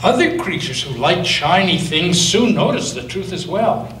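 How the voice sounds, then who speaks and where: In an echoey church sanctuary, a high-voiced male pastor gently and lively reads a picture book to children, pausing slowly for drama. The recording is distant, with faint noise.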